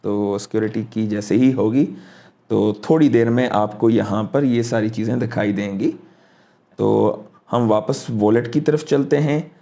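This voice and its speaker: A man with a mellow, dark-toned voice talks through a screen-recorded walkthrough. He is casual and thinks aloud as he clicks from step to step, slipping English phrases into his sentences. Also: on the low side, fairly even intonation, measured pace, vocal fry. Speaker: crypto tutorial host.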